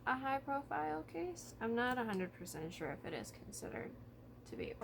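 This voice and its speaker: A woman's voice: on the high side, sing-song, normal speed, gravelly, noisy background. A woman talking informally to camera about true crime, thinking aloud and hedging as she goes. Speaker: vlogger.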